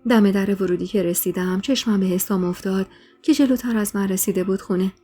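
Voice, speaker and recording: A woman's voice: medium pitch, dark tone. A woman narrating a dramatic first-person story in an emotional way, growing heated in the dialogue. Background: faint music.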